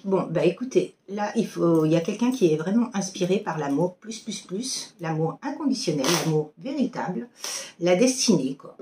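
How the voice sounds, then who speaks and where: A woman's voice: fairly low pitch, lively intonation, moderate pace, mellow, a little hiss or hum. A woman giving a casual oracle card reading to her viewers, chatty and affectionate, with many fillers.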